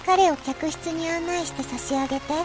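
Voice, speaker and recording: A woman's voice: very high-pitched, normal speed, over music. An actress playing an imperious, aloof young lady of a mansion in a drama, composed and commanding.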